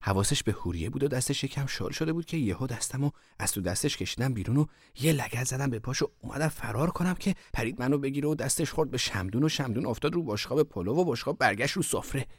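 A man narrating a first-person story in a relaxed, conversational storytelling manner. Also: mid-range voice, husky, no echo, studio quality.

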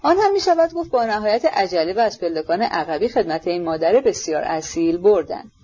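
A woman's voice: medium pitch, lively intonation, dark tone, husky, lo-fi sound. A woman putting on a fawning sly male toady. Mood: wheedling. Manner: obsequious, wheedling, self-abasing. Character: fawning, sly middle-aged male toady who keeps saying "sir".

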